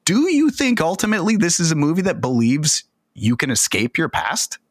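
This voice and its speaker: A man hosting a casual film podcast, explaining plot details at length in a relaxed conversational way. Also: a little high, normal speed, husky, no room sound. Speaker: podcast host.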